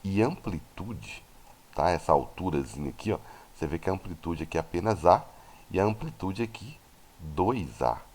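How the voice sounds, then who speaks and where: A Brazilian man with a very low voice teaches a physics lesson. He goes through each point step by step and stops often to check that his students are following. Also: big pitch swings, moderate pace, darkish tone, slightly rough. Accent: Brazilian Portuguese. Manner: explanatory, many tag questions. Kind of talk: recorded classroom lesson.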